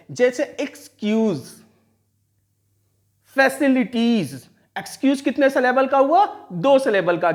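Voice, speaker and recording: A male teacher gives a classroom-style grammar lesson. His pitch rises and falls animatedly, and he slows down to stretch out key terms. He keeps putting questions to the class and then answering them himself. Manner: explains step by step, poses and answers his own questions. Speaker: English teacher.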